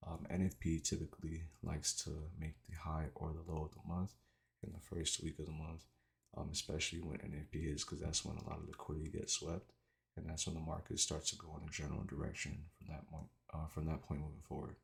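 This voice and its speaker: A man with a slight lisp from wearing retainers gives casual, halting commentary, thinking aloud informally as he analyzes. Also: extremely low pitch, monotone, gravelly. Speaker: trader doing market analysis. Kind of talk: casual screen-share commentary.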